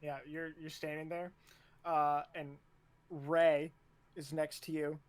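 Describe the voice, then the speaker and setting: A man's voice: on the high side, level tone, slow pace, smooth. A man narrating a tabletop game as game master, casual and laughing, with plenty of fillers.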